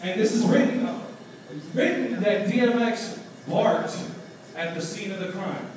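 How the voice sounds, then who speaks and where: A man's voice: sits high, unhurried, background noise. Young guy doing nervous stand-up in an echoey bar. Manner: hesitant, lots of ums, acts out drunk friends in loud voices. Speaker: stand-up comedian. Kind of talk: stand-up comedy set. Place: small bar stage. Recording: echoey bar, far from the camera mic.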